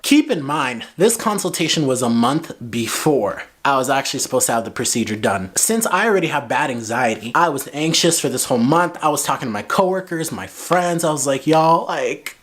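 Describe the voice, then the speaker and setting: A man's voice: a little high, a little fast, few pauses. Young American man telling a dramatic story. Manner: animated, slangy, dramatic retelling with acted-out dialogue. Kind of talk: casual personal storytelling.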